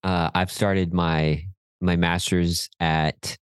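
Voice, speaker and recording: Man, middle-aged, podcast co-host, encouraging, very deep voice, dry sound. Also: little pitch movement, takes it slowly, smooth, no echo. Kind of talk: casual chat.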